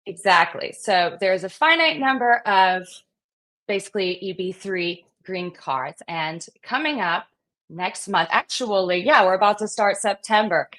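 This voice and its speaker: A woman's voice: mid-range voice, expressive, measured pace, a bit bright. A woman hosting a live stream, upbeat and welcoming as she greets viewers and guests. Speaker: host.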